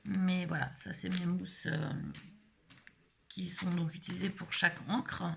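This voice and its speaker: Middle-aged woman vlogger, lowish gravelly voice, chatty and hesitant while showing a craft project. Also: little pitch movement, measured pace, fairly bright tone, slight background noise. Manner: rambling, many hesitations and fillers. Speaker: scrapbooking vlogger. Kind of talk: casual live craft demonstration.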